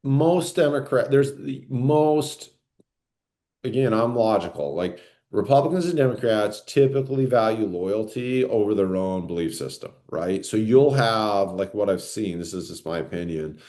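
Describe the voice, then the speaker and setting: A man's voice: fairly low pitch, lively intonation, normal speed, mellow. A man co-hosting a podcast in casual chat, rambling with lots of fillers and "right?" tag questions. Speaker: podcast co-host.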